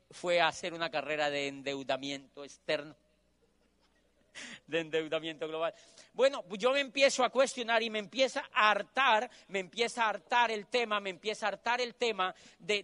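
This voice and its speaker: Colombian man, middle-aged, high, bright voice, animated motivational storyteller who repeats lines for emphasis. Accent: Colombian Spanish. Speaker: motivational speaker.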